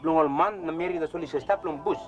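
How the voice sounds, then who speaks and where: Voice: medium pitch, fast talker, natural voice. A performer playing a bossy, bantering youngster, speaking Papua New Guinea pidgin with a Papua New Guinean accent in acted dialogue. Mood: complaining. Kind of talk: acted Tok Pisin dialogue. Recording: dull lo-fi sound under loud music.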